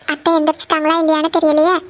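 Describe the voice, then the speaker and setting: A woman plays a caring cartoon mother with a very high voice. She sounds anxious and tired, thinking aloud about her family's worries. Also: monotone, racing, lightly acted. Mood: worried. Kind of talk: cartoon voice acting.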